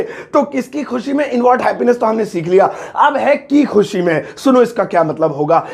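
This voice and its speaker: A man with an Indian accent teaching English vocabulary in a playful, joking way and slowing right down for English phrases. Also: sits high, creaky. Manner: playful, jokey teaching with small laughs and slow, drawn-out English phrases. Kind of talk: Hindi-language English vocabulary lesson.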